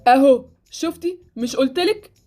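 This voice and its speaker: A woman's voice: high voice, animated, normal speed, dark tone. A woman voicing a sleepy, fussy old man who runs an orphanage, with an Egyptian accent, in a Roblox story with light music behind. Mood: fussing. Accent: Egyptian Arabic.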